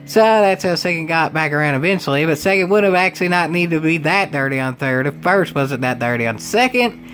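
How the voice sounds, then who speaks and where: A man's voice: high voice, a bit bright, slight background noise. A man commentating a video game racing league in an exaggerated put-on country drawl, folksy and playful, full of hokey sayings. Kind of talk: sim-racing play-by-play commentary.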